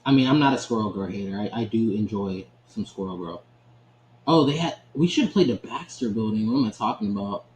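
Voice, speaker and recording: Faint ambient noise and echo fill the room as a gaming channel host talks through a card game in a casual, chatty way. He laughs a lot and checks in with "right?", and his voice sits on the low side, a little fast and darkish.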